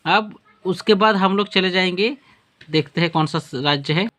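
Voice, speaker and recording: Sitting high and sounding a little bright, this man's voice moves at a moderate pace as he teaches a spoken lesson with a map. Asking and answering his own questions, he repeats words and corrects his slips as he goes.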